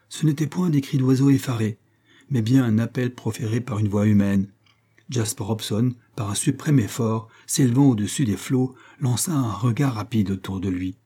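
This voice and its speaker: Brief: male audiobook narrator, measured and dramatic, husky, dark tone. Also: lowish voice. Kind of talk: scripted narration.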